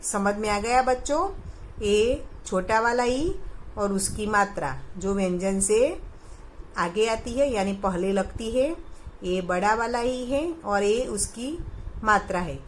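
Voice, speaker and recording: A woman's voice: mid-range voice, slow pace, slight background noise, low-quality recording. A woman teaching a recorded primary school lesson, patiently asking questions and answering them herself for the children.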